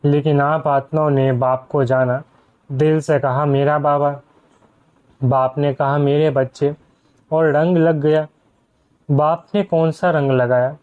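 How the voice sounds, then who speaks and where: A man's voice: fairly high pitch, flat delivery, slow pace, long pauses. A man giving a spiritual discourse to a gathered audience, often putting rhetorical questions to his listeners. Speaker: spiritual speaker. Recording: dull lo-fi recording.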